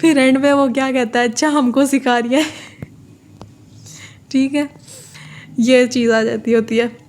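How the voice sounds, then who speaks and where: Lady tutor, slow and flat, repeats the key terms. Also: high-pitched, a little hiss or hum. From Pakistan. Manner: explains slowly, repeats key terms, reads English definitions aloud. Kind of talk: exam-prep lecture.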